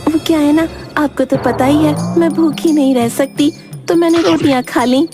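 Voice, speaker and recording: A woman doing Lali, a shrill, always-hungry bride. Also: steady tone, normal speed, over music, natural voice. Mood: sheepish. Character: chubby young bride, always hungry, cheeky.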